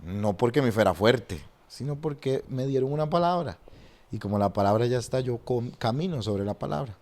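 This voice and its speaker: A man who is a pastor, telling stories and preaching in a lively way and often restarting his sentences. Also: medium pitch, a little fast. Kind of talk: animated storytelling and preaching in a podcast conversation.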